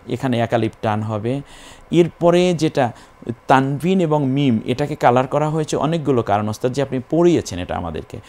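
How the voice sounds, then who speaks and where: Man slowly teaching Quran recitation. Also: mid-range voice, a little mellow. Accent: Bangladeshi Bengali. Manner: patient, repeats syllables slowly, stretches vowels in recitation. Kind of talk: recitation lesson, spelling and drawn-out chanting.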